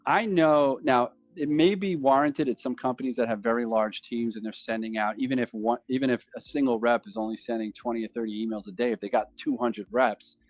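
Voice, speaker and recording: A man's voice: medium pitch, fairly quick, hardly any pauses, no room sound. Guy riffing about cold calls, keeps repeating himself, kinda dull lo-fi audio. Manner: energetic, repeats himself, acts out sales calls. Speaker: guest. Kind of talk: casual podcast conversation.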